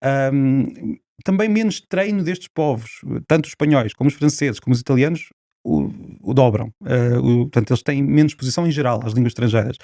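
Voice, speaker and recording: A man's voice: mid-range voice, animated, fairly quick, mellow, no echo, studio quality. A man with a European Portuguese accent, a linguist guest on a podcast, explaining at length with many fillers and restarts.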